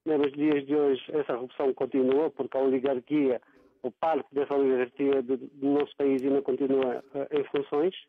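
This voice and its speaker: A man calling in to a TV news show, giving his opinion in an earnest, halting way. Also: medium pitch, flat delivery, dry recording. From Angola. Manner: earnest, halting, many fillers. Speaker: caller. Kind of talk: phone-in opinion. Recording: tinny phone line.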